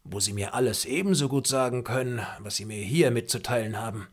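A man voicing an angry, proud Native chief in an audiobook, with loud, high, forceful outbursts. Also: a little fast, close to an everyday voice. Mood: wary. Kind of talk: audiobook character reading.

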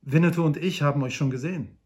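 A man's voice: on the high side, quick pace, darkish tone, lightly acted. A man voicing a great hunter who speaks firmly and with command in an audiobook. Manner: firm, commanding. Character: great commanding male hunter, calm and firm.

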